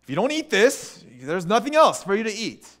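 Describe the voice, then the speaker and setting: Male pastor, sermon, high voice, very lively pitch, chatty preaching. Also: moderate pace. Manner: animated, conversational preaching with restarts and acted asides.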